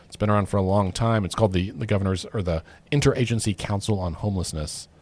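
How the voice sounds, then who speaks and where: A man's voice: fairly low pitch, quick pace, a little mellow. Casual man co-hosting a podcast. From Oklahoma. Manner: conversational, many fillers and restarts. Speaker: podcast co-host. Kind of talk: casual political chat.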